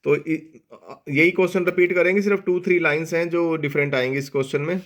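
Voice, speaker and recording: A man teaching a maths lesson in Hindi mixed with English, often checking in with students and slowing down to dictate statements. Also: on the high side, steady tone, a bit bright. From India. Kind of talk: board lesson explaining geometry.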